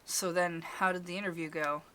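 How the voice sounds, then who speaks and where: A woman voicing a brusque man who questions someone briskly. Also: lowish voice, fairly even intonation, fairly bright tone, lightly acted. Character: brusque man checking on a late colleague.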